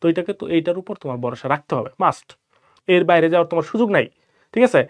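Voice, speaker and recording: A man's voice: a little high, animated, racing. A young man from Bangladesh, a medical student, gives casual live-session advice to exam candidates and keeps checking in with "okay?".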